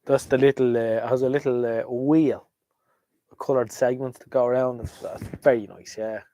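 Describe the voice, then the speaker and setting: Chatting about vintage radios on his livestream, an Irish host speaks at normal speed in a dark, medium-pitched voice with fairly even intonation. He hesitates, offers opinions, trails off, and jumps between thoughts in a loose, rambling way, captured on a dry recording.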